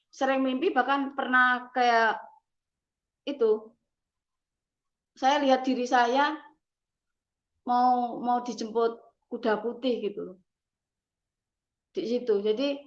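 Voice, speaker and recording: A woman tells her personal testimony in a halting, heartfelt way, trailing off and restarting. Her voice sits somewhat high. The audio is dull and lo-fi. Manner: halting, emotional, frequent "gitu loh". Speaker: testimony giver.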